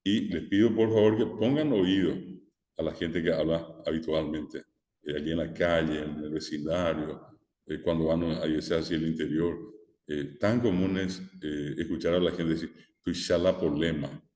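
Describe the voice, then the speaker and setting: In this recorded online class, a male teacher with a steady, slightly mellow bass voice explains things one step at a time at a normal speed. His delivery is explanatory, full of repeated key words, frequent "eh" and "¿verdad?" check-ins, and it echoes around a room with long reverb.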